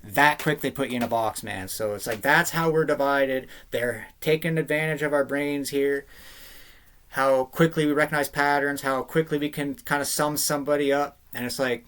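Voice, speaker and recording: A man's voice: medium pitch, steady tone, moderate pace, fairly bright tone. A man in a rambling, heated, slangy rant to camera, often saying man and dude. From Canada. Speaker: vlogger.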